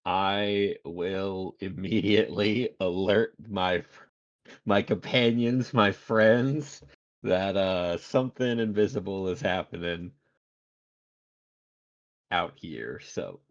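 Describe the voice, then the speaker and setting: A man's voice: low voice, takes it slowly, highs cut off. A man playing a tabletop game, speaking in a laid-back, easygoing way. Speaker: player.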